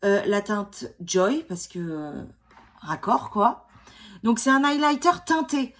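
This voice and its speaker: A woman in her forties with a cold speaks slowly and expressively in a medium-pitched, slightly bright voice. As a beauty vlogger, she does her makeup at home in a casual tutorial chat, making fun of herself and using many fillers and restarts.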